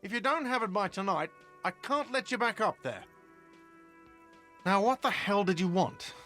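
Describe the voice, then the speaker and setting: A man's voice: sits high, expressive, normal speed, fairly bright tone, soft background music. A man voicing a grumpy, irritable café manager in a game, blunt and exasperated. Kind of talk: game voice acting.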